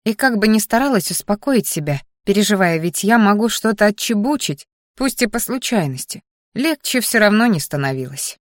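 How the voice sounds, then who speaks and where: A woman narrates a first-person fantasy audiobook in a lively, wry storytelling manner, her pitch sitting in a middle range. The close, dry recording has no room echo at all. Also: normal speed.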